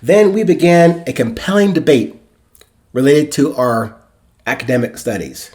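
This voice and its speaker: A man's voice: mid-range voice, expressive, a little slow, darkish tone. A man in his sixties hosting a podcast, telling a reflective first-person story and acting out the dialogue. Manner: reflective, acts out dialogue in quotes. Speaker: podcast host.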